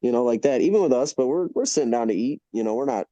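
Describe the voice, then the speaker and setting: A man's voice: mid-range voice, lively intonation, fast, warm tone, no room sound, dull audio. A man hosting a casual podcast, telling stories in a rambling, profane, emphatic way. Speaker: podcast host.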